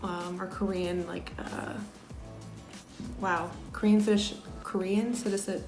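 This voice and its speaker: A woman's voice: on the low side, level tone, unhurried, a little mellow, roomy sound, faint music behind. A young American woman vlogger telling a story in a chatty way, full of fillers, sometimes dropping to a near whisper. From United States. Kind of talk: casual storytelling.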